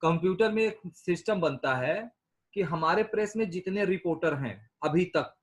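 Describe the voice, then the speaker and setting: High male voice, patient trainer on a group call, repeats himself for clarity. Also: animated, moderate pace. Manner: explains patiently, repeats points for everyone. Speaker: trainer running an online staff meeting. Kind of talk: instructing over a call.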